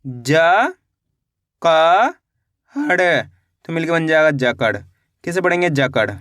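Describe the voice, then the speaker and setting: A man's voice: a little high, sing-song, slow pace, a bit bright, no echo. A man teaching children to read, sounding out each letter one by one and then blending them into a word, patient and repeating his questions. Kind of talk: slow phonics lesson. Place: voice-over for a video lesson.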